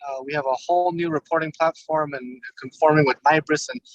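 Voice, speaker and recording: A man phones into a community meeting on a hands-free car speakerphone as he drives. His voice sits a bit high for a man and sounds dry and close. He speaks as a police commander, careful and courteous, choosing his words so he does not misspeak. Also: fairly even intonation, fairly quick, no echo, dull audio. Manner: careful and polite, hedges to avoid misspeaking. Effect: car speakerphone call. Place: inside a moving car.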